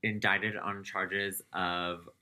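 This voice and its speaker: Slow, bright-voiced male podcast co-host. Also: low voice, level tone. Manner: laughs while telling, trails off with "um". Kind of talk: casual gossip chat.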